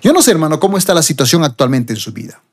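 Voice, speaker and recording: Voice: mid-range voice, very animated, rapid-fire. A preacher from Bolivia, giving a sermon and reading scripture verses with rising emphasis.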